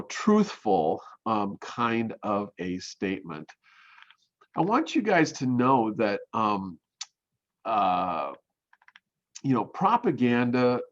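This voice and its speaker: A man teaching graphic design in a recorded demo, talking in a halting way with many ums and restarts. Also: on the low side. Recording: muffled lo-fi audio.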